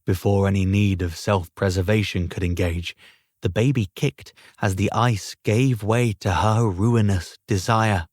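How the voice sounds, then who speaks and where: A man narrates an audiobook in a measured, even storytelling manner. His voice sits on the low side, and the recording is dry and close, with no room sound. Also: dry recording. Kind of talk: scripted narration.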